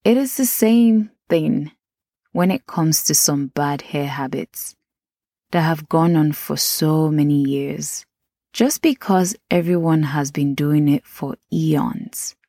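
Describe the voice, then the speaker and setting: A woman's voice: low voice, slow pace, dark tone, no echo, clean studio sound. A woman with a Nigerian accent hosting a podcast, chatting casually and talking straight to her listeners. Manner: chatty, addresses listeners directly. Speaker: podcast host.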